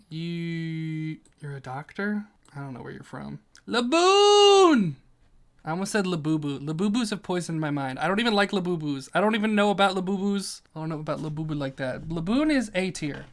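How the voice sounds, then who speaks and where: A YouTuber chatting casually through a character tier list. The talk is jokey and self-directed, with mumbled asides between louder bursts. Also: medium pitch. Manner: swings between loud outbursts and quiet asides.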